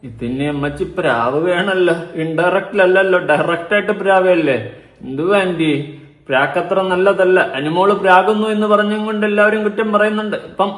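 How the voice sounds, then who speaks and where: Fast-talking sarcastic young man vlogger. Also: high-pitched, steady tone. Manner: mocking, sarcastic, lecturing. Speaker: vlogger and show commentator. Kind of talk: reaction vlog commentary. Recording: echoey room.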